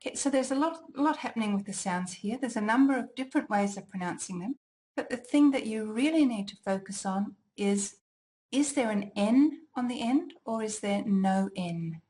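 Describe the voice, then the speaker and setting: A woman teaching a language exam lesson, deliberately enunciating each word for listening practice. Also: mid-range voice, animated, mellow. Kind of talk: slow, clearly articulated lesson.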